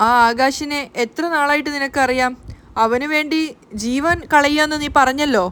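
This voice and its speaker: A woman voicing a grieving middle-aged mother who scolds and pleads through her distress, speaking slowly. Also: sits high, fairly even intonation, fairly bright tone, a little hiss or hum. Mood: anguished. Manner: slow, anguished scolding.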